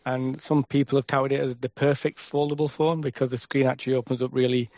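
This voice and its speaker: A man with a Yorkshire accent chatting casually as a podcast co-host, with quick, halting restarts. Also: medium pitch, level tone, darkish tone, no echo. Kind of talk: casual chat. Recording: dry, slightly muffled.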